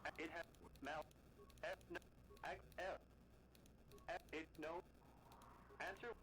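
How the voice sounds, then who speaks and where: A man voicing a broken ancient computer that glitches, stutters and cuts its words off in a flat, formal way, heard through noisy game audio. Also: on the high side, slow pace. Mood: glitching. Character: broken ancient computer, male, cold and logical.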